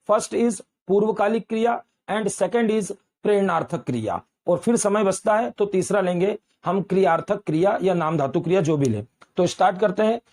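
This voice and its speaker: Male grammar teacher, high voice, slow patient dictation, repeats terms back as questions. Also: a little mellow. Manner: slow, word-by-word dictation of example sentences. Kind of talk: classroom-style grammar lesson.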